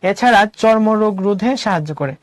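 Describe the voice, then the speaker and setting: High-voiced male teacher, dry close sound. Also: quick pace, dry recording. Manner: explains step by step, asks and answers own questions; mixes English words into Bangla. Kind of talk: online class lecture.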